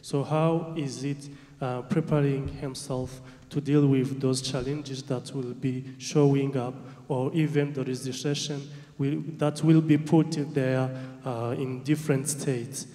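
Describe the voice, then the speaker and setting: A man's voice: medium pitch, steady tone, measured pace, mellow. A young man from Burundi asking a formal question as a student, hesitant and searching for words. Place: large conference hall. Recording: very echoey hall, long reverb.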